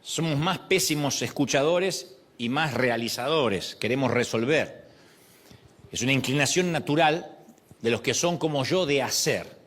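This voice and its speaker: Animated preacher man. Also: medium pitch, unhurried. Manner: animated, acts out prayers and quoted voices. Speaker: pastor. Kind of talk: sermon.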